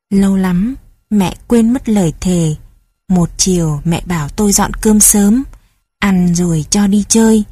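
A woman reads a childhood memoir aloud as narrator, in a measured, reflective way. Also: medium pitch, dark tone, slightly rough, no room sound.

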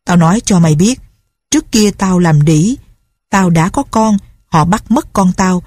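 A woman's voice: on the low side, expressive, unhurried, a little mellow, breathy edge, no echo, clean studio sound. Woman voicing a vengeful grief-crazed old recluse. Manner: harsh, bitter and threatening.

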